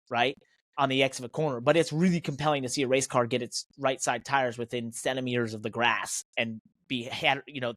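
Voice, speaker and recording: Here the voice is mid-range and a bit bright, captured with no echo. He's an American man and professional racing driver who co-hosts a motorsport podcast, speaking casually but with strong, emphatic opinions.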